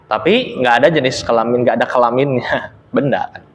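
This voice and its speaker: Man, Arabic teacher; casual, joking classroom explanation, mid pitch. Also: moderate pace, a little hiss or hum. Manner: relaxed, joking, laughs while explaining.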